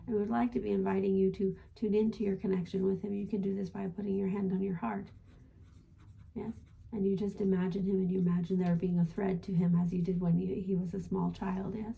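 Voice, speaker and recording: A woman channeling a gentle male spirit guide as a seance medium, speaking formally and ending phrases with a questioning "yes?". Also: medium pitch, level tone, a little fast, gravelly, low-quality recording. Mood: gentle, assured. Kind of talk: spiritual guidance in trance channeling session.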